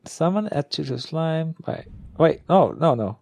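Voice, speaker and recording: A man's voice: a little high, expressive, measured pace, gravelly, a little mellow, slight background noise. A man giving casual, off-the-cuff commentary as a gamer, thinking aloud and often trailing off. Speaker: gamer opening card packs.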